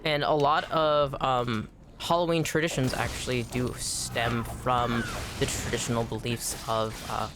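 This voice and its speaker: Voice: medium pitch, fairly even intonation, unhurried, music in the background. A game streamer chatting casually while playing, rambling and repeating words for emphasis. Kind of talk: casual chat while gaming.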